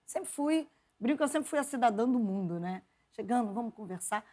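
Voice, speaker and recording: A Brazilian woman, a journalist and preacher, telling stories from her upbringing in an interview, lively and quick to laugh. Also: on the high side. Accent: Brazilian Portuguese. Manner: lively, laughs often, quotes her mother in animated voices. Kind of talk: conversational interview storytelling.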